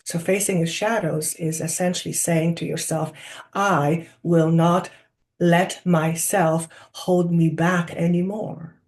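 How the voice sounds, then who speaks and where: Through a medium in a trance-channeling seance, a wise collective of spirit guides speaks with deliberate, oracular, solemnly instructive delivery. Key words are stretched for emphasis and questions are posed rhetorically. The pitch is medium and the tone level.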